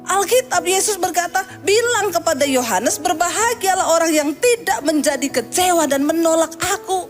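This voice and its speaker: A woman pastor preaches to a congregation in a high, bright voice. She tells her story with playful humor and lively quoted dialogue. Soft music plays faintly beneath her words. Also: moderate pace. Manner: storytelling with humor, quoting people vividly. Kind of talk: sermon.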